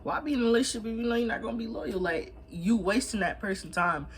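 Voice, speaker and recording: A woman's voice: a little high, animated, fast. Blunt young woman chatting while eating. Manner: blunt, emphatic, slangy. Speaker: mukbang vlogger. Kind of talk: casual advice chat.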